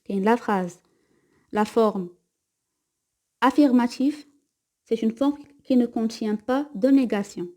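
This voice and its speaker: A woman's voice: a little high, warm tone. Moroccan woman teaching French grammar. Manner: repeats example sentences slowly, then explains quickly. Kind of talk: grammar lesson mixing Moroccan Arabic and French.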